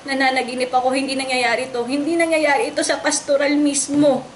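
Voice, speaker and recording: A young woman giving an emotional, distressed testimony, polite and halting, often repeating herself. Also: sits high, flat delivery, slight background noise. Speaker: wife recounting a raid on her home.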